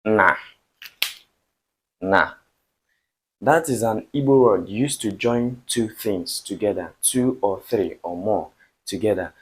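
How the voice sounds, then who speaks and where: A man from Nigeria teaching a beginner language lesson, speaking slowly and repeating each word for practice. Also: fairly low pitch, dark tone, slightly rough.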